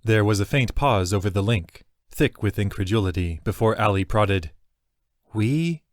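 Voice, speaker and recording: A man giving steady, measured narration of a fantasy audiobook into a close studio mic. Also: fairly low pitch, dry recording.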